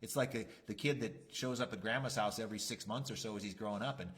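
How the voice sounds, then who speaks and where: A man with a somewhat low voice talks through matters of faith on a church youth show. He rambles reflectively and leans on fillers like "you know" and "uh". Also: quick pace, fairly bright tone. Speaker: church youth leader co-host. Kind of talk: casual faith discussion.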